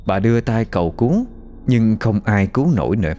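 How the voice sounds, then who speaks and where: Low, lively male ghost-story narrator. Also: brisk, faint music behind.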